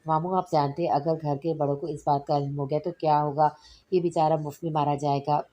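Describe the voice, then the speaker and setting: A woman's voice: deep voice, level tone, a little fast, dark tone, highs cut off, lightly acted. A woman reading aloud voicing a teasing, cheeky young man in a novel. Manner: playful, mocking banter.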